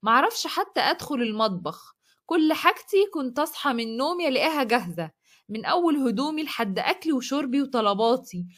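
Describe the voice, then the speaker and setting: A woman's voice: sits high, animated, quick pace, fairly bright tone. A woman with an Egyptian Arabic accent narrating a first-person story for her channel in a pleading, emotional way.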